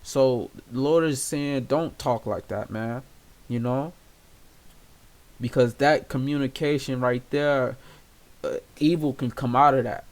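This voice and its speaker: A man leading an informal Bible study, reading scripture aloud and explaining it casually with many fillers. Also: mid-range voice. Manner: casual and conversational, many fillers and "you know"; reads scripture aloud in old-style wording. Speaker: Bible teacher.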